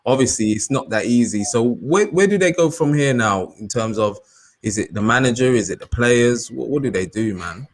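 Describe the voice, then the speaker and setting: A man hosting a casual football panel, putting relaxed questions to the guests. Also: mid-range voice, moderate pace. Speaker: host.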